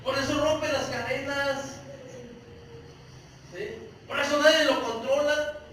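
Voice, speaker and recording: A man delivers an earnest sermon in a strikingly high voice, often pausing to ask the congregation questions. He sits at a distance from the microphone. His voice rings through a very reverberant church hall over a faint hiss of background noise. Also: steady tone, fairly bright tone. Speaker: preacher. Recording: echoey church hall, mic far off.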